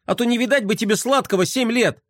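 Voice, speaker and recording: A man voicing an anxious, superstitious young boy in a storybook reading, fretful and quick to panic. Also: extremely high pitch, a bit bright, no echo, studio quality, voice pushed up.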